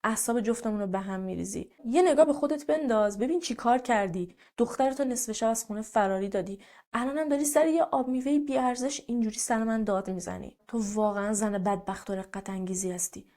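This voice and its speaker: A woman's voice: a little high, darkish tone, close to an everyday voice. A woman voicing a worn-out middle-aged husband who reasons with his wife, patient at first and then bitter. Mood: exasperated. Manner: pleading, exasperated reasoning.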